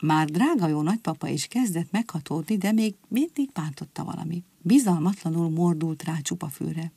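A woman's voice: sits low, creaky, warm tone, slightly rough, no room sound. Woman reading a children's story. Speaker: narrator.

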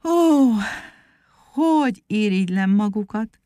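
A woman reading a storybook aloud, voicing a sly, flattering trickster animal who poses as a singing teacher in a wheedling, theatrical tone. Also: mid-range voice, no echo, studio quality, close to an everyday voice. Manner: wheedling, fawning, theatrical praise.

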